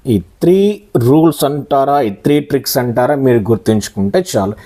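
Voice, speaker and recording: A man with a Telugu accent teaching a spoken English lesson, explaining verb forms slowly and drilling words by repetition. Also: mid-range voice, expressive, mellow. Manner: slow, deliberate, drills words by repeating them.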